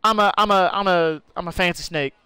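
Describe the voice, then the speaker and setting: Live-streaming a shooter game from his home room during a thunderstorm, a young man rambles casually, swearing and laughing as he plays. His voice is high-pitched, fairly quick and sharp, yet clear and resonant.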